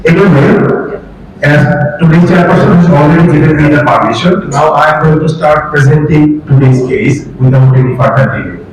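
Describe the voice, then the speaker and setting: A man with a husky, sore voice giving a formal medical case presentation to colleagues. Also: on the high side, moderate pace, noisy background. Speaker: presenting doctor. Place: hospital lecture hall. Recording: very echoey hall from far off.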